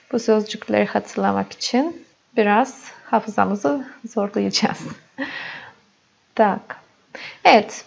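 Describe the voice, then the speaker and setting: A woman teaching a language lesson, repeating words slowly and addressing her students as friends. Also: on the high side, gravelly. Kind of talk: slow classroom explanation. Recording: dull lo-fi recording.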